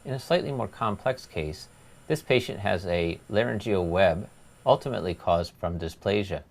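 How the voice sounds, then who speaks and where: Low-voiced man narrating medical lecture. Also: normal speed, vocal fry. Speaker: laryngologist lecturer.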